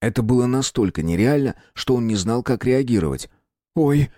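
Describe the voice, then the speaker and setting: A man narrating an audiobook story in a measured storytelling manner. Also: medium pitch, animated, warm tone, no room sound, studio quality. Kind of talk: scripted narration.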